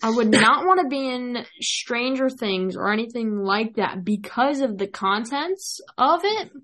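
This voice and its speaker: A woman's voice: on the high side, animated, a little slow, a bit bright. A young woman hosting a casual podcast, dry and mock-serious, brushing off questions. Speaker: podcast host. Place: remote call.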